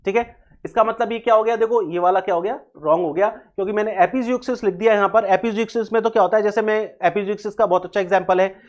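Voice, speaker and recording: A man's voice: high voice, steady tone, fast talker. A man giving an exam-prep English lesson. He mixes Hindi with English terms, explains step by step, repeats key terms and spells words letter by letter. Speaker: English teacher. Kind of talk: exam-prep video lecture.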